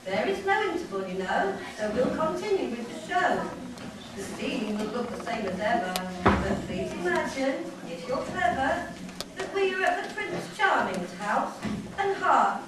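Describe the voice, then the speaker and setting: A woman's voice: sits high, sing-song, a little slow. A woman narrating a stage pantomime in scripted rhyming verse with projected storytelling delivery. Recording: echoey hall, distant microphone, noisy background.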